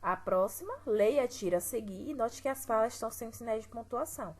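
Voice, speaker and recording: In this recorded classroom lesson, a woman teacher with a Brazilian Portuguese accent patiently guides her students through exercises one step at a time, tossing out rhetorical questions. Her voice is fairly high and fairly quick. The audio is poor, with a little hiss or hum.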